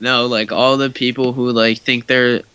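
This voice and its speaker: A man's voice: mid-range voice, little pitch movement, normal speed, sharp tone, clean tone. A young man on a casual podcast, teasing the others and hesitating over his words. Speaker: podcast co-host. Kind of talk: casual chat.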